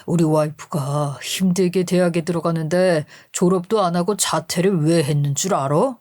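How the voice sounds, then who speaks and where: A woman's voice: fairly low pitch, moderate pace, a little mellow, dry recording, clean studio sound, natural voice. A woman voicing a young husband who defends his wife against his mother in a radio story. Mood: indignant. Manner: pleading then indignant.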